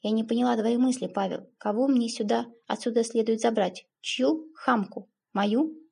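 A woman's voice: fairly high pitch, moderate pace, creaky, a little mellow, breathy edge, heavily acted. A woman reading an audiobook, voicing a weary wife under forty who speaks coldly to her husband. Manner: cold, weary. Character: tired, cold young wife under forty.

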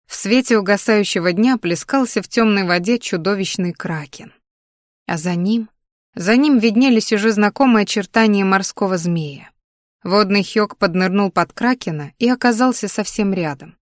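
A woman reading a first-person fantasy audiobook in an expressive, dramatic way. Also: mid-range voice, normal speed, no echo, studio quality. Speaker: audiobook narrator.

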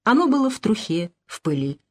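Female audiobook narrator, measured and even, mid-range voice. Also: mid-range voice. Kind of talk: scripted narration of a novel.

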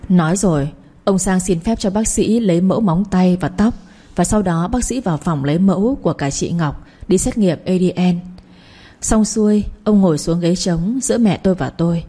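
A woman narrates a first-person story in a steady, plain manner. Her voice is low and mellow with a husky edge. The telling stays even and unhurried.

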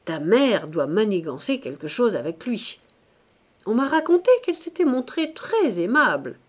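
A woman's voice: fairly high pitch, big pitch swings, normal speed. A woman voicing an irritable, suspicious middle-aged husband who nags and accuses in an audiobook reading. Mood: suspicious, prying. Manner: heated, nagging, accusing.

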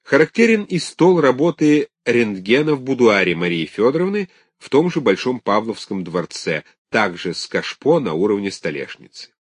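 A man reading a scholarly text on garden art aloud, in a measured, lecture-like way. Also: medium pitch, very animated, no echo, clean studio sound. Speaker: audiobook narrator.

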